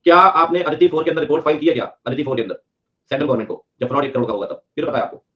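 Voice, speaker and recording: A man's voice: a little high, lively intonation, rapid-fire, dull audio. A male teacher giving a live online lecture, repeating key points and drilling students in a mix of Hindi and English. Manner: repetitive, drills points, reads student comments aloud.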